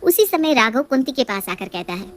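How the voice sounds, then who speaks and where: A high-voiced woman tells a family story in a calm, steady way, like reading a storybook aloud. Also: a little fast. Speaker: narrator. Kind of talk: storybook narration.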